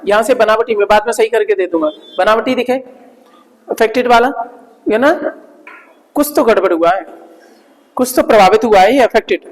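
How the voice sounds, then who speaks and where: A man teaching English vocabulary to students preparing for job exams, drilling words slowly and often checking that they follow. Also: high-pitched, in a large hall, rough recording. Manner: keeps asking "ठीक है ना?" between explanations.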